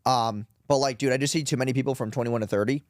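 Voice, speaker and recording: A man's voice: mid-range voice, steady tone, quick pace, no echo, studio quality. Blunt, casual male podcast guest. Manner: blunt, casual, swears, keeps saying dude and bro. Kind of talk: casual interview chat. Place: podcast studio in Las Vegas.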